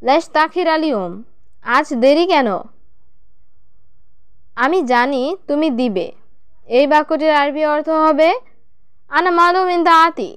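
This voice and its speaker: A woman teaching language in an even, measured way, going through short phrases one at a time in a scripted lesson. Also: high-pitched, no echo.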